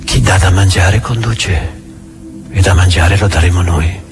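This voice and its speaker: An actor playing a bitter, accusing, imperious inquisitor in a theatrical monologue, deliberate and full of rhetorical questions. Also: male voice, low-pitched, over loud music. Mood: cynical, insistent.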